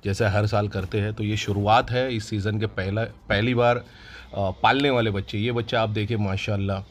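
Low-voiced man on a relaxed farm tour. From India. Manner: relaxed, unhurried, with frequent hesitations. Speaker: goat farm owner showing stock. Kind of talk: casual promotional farm tour. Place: outdoor goat farm yard at night.

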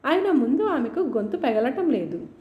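A woman narrating a story with an expressive reading. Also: sits high, normal speed, roomy sound, narrow, tinny audio.

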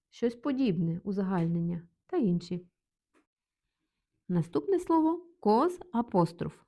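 A woman gives a vocabulary lesson in a warm, mellow voice. She reads each example phrase, then translates it. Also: mid-range voice. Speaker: language teacher.

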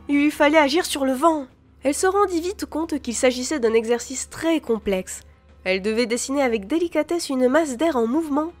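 A woman narrating a fantasy novel aloud with an expressive, storybook delivery. Her voice sits fairly high, and soft background music plays beneath it. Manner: expressive reading. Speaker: audiobook reader.

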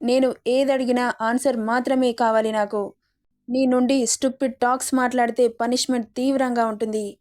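A woman's voice: fairly high pitch, level tone, normal speed, darkish tone, close to an everyday voice. Woman reading as a domineering young man. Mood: menacing. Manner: taunting and threatening.

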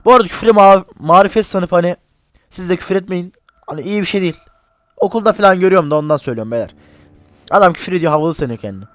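A man's voice: high voice, rapid-fire, a bit bright, dry recording. A young man giving casual, unedited commentary on a horror game. He talks jokily, swears and yelps whenever something frightens him. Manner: jumpy, swears and yelps when scared, joking. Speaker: gaming channel host. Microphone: desk mic, separate from game audio.

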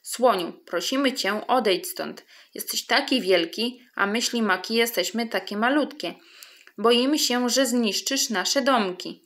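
A woman's voice: a little high, unhurried, fairly bright tone. Woman doing a tiny pleading snail. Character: tiny timid little snail boy.

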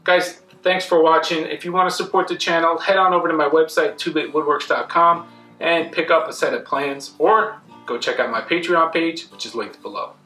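A man's voice: a little high, moderate pace, pushed and bright. A man in his thirties, a woodworking channel host, talking casually and directly to the camera in his indoor shop. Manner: plain, friendly, direct to camera. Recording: echoey shop room. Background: faint guitar music.

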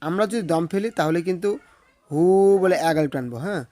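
A man teaching recitation step by step, spelling letter by letter with patient explanations and slowly drawing out each recited word in a sing-song way, in a Bangladeshi Bengali accent. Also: on the high side, a little mellow, no echo. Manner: slow sing-song drawn-out recitation of words.

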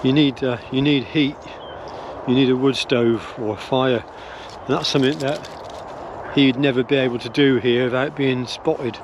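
An older Englishman vlogs while walking his dogs along a woodland path, rambling through his opinions in a musing, hesitant way full of fillers and restarts. His medium-pitched voice is steady and a little slow. The phone or camera is held close at arm's length, and there's background noise.

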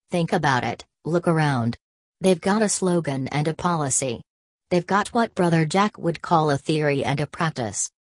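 A woman's voice: sits low, a little mellow, dry recording. A woman reading an audiobook, voicing a nervous young man giving an oratorical speech to a crowd. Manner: oratorical, building rhetoric. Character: nervous young male speaker rousing a crowd.

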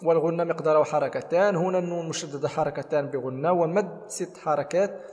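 A man's voice: a little high, fast talker, a little mellow, in a large hall. A man teaching Quran recitation rules, explaining each rule methodically step by step. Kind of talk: tajweed lesson with demonstrations.

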